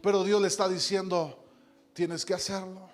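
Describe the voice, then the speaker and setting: A man's voice: high-pitched, level tone, normal speed, faint music behind. A male pastor in his thirties preaching a sermon, telling a story and often addressing listeners as brother. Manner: storytelling, calls listeners "hermano", builds to impassioned climax.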